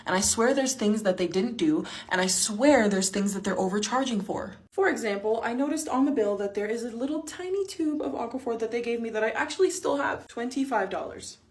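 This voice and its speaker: A woman's voice: on the high side, a little fast. A woman and mother talking casually in a vlog, incredulous and sarcastic.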